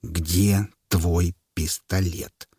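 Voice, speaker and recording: A man voicing a tense young husband who talks in a strained, hoarse, threatening way. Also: mid-range voice, lively intonation, normal speed, no room sound, clean studio sound, voice pushed up. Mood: menacing.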